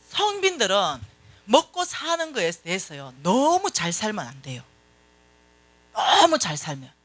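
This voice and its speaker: Middle-aged woman, church lecturer. Blunt storyteller with a bright, lively delivery. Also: medium pitch. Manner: animated, acts out dialogue, speaks bluntly to the audience. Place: church hall.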